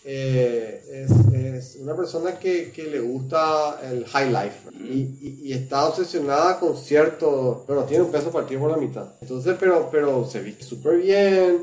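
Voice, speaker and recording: A man co-hosting a podcast in casual chat, halting and searching for words with many fillers and restarts. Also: medium pitch, a little mellow. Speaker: podcast co-host. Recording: echoey room with faint noise.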